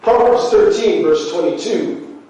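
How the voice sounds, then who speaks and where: This preacher's voice is high, expressive and dark in tone, moving at a measured pace, though allergies leave it nasal and stuffy. He talks conversationally, dropping in "you know" again and again, captured from far off in a very echoey church.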